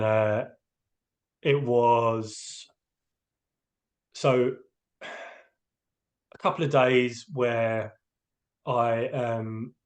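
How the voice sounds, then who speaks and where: A man, a train driver giving a candid, hesitant personal account in a podcast interview. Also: mid-range voice. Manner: hesitant, open, emotionally candid.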